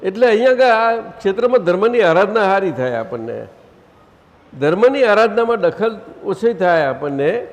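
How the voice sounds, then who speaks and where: A man leading a satsang, gently directing the audience and asking them questions. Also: high voice, very animated, normal speed. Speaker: spiritual teacher leading a satsang. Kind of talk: conversational religious gathering talk. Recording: long hall reverb.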